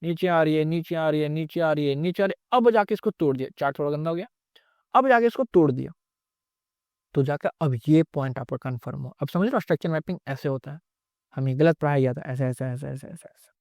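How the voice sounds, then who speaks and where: Guy teaching trading, goes over each step again and again, slightly high voice. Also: fast talker, a little mellow, dry recording, studio quality. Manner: repetitive, explaining step by step. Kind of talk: screen-recorded lecture.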